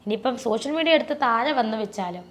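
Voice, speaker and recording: A woman talking as an interview guest, rambling and restarting, her voice often sinking soft and low with emotion. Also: lively intonation, quick pace. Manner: rambling, many restarts and fillers. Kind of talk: personal interview talk.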